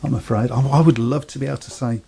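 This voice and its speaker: Gravelly, mellow co-host, chatty and a bit hesitant, quick to laugh. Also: male voice, mid-range voice, fairly even intonation. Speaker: podcast co-host. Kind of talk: casual sports chat.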